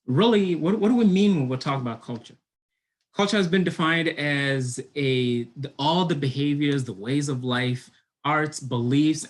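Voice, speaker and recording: A young man from Kenya, a college admissions counselor, giving an earnest online presentation with many fillers and restarts. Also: on the high side.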